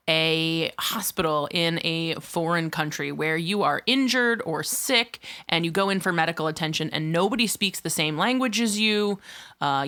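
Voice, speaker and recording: A woman's voice: on the low side, pushed and bright. A woman co-hosting a podcast, chatting casually and explaining ideas through step-by-step examples. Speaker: podcast co-host.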